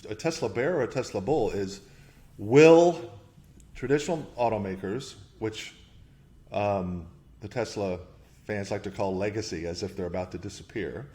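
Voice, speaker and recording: A man's voice: on the low side, normal speed, warm tone. A man being interviewed about investing, who talks in bursts with many restarts and thinks aloud. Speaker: investment manager guest. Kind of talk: podcast interview.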